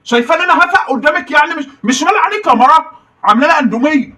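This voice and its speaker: Woman playing a hot-tempered hungry Egyptian husband, rapid-fire ranting, bright high voice, recorded from across the room. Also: expressive, recorded from a distance. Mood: angry. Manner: ranting, shouting complaints. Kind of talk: comedy sketch.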